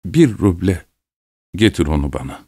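A man voicing a sly old peasant father who talks in a gruff, scolding way. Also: sits low, lively intonation, moderate pace, mellow, no room sound, clean studio sound.

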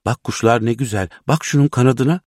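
An excitable, worn-out porter who shouts in delight, as a male storyteller puts him on. His voice jumps well above the teller's deep tone. The sound is dry and close. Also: fairly quick, no echo, lightly acted. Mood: tender urging. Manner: shouting joyfully.

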